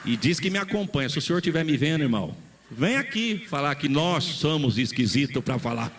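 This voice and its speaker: A man's voice: a little high, sing-song, brisk, a little hiss or hum. A middle-aged man, a pastor from Brazil, preaching a folksy sermon full of acted-out dialogue and humor.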